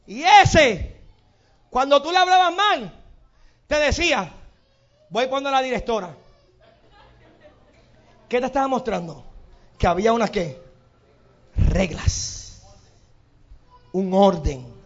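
A man with a Puerto Rican accent preaching a sermon as pastor, animated and acting out little scenes with sudden shouts. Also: extremely high pitch, slow, pauses often. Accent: Puerto Rican Spanish. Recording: dull lo-fi sound.

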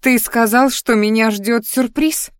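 Woman doing a shrill spurned young girl. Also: steady tone, measured pace, dry recording, studio quality, natural voice. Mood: shocked. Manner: shrill, pleading and spiteful.

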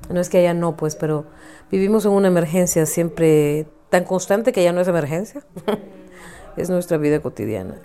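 Low-voiced and Honduran, this feminist activist and writer thinks out loud as a guest in a reflective interview. Her speech is searching and considered, full of restarts and tag questions.

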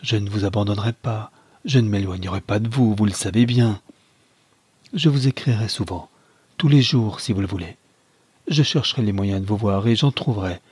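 A man's voice: lowish voice, normal speed, darkish tone, husky, dry recording. A man voicing an anguished young woman who implores her lover.

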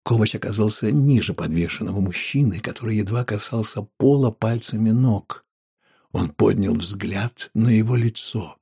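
A man narrating an audiobook in a measured, grave way. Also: lowish voice, creaky, warm tone, slightly rough.

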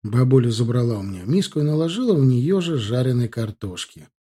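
Husky male audiobook narrator, lively. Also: mid-range voice, brisk. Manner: wry, conversational storytelling. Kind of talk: first-person novel narration.

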